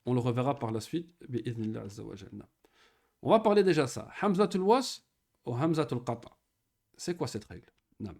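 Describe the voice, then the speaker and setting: Teaching Arabic grammar to a single student, this man explains each step patiently, says the Arabic words slowly, and keeps checking comprehension. His voice is mid-range and a little mellow.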